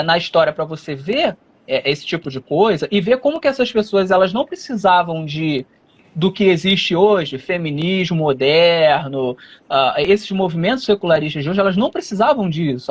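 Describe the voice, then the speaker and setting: As an interview guest, a high-pitched man with a Rio de Janeiro Brazilian Portuguese accent explains things in a measured manner, sprinkling in lots of fillers. He comes from Rio de Janeiro state.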